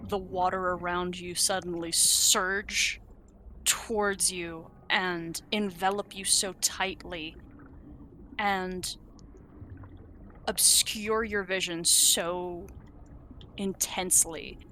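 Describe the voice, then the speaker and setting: Woman, game master, tabletop narration, unhurried, bright tone. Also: mid-range voice, steady tone, a little hiss or hum. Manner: descriptive, measured narration.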